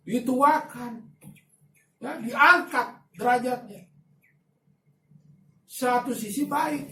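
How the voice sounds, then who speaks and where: Man, pastor, sermon, animated storytelling, soft asides and loud bursts, distant from the mic, echoey hall. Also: extremely high pitch, a little hiss or hum. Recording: echoey room, voice from a distance, faint ambience.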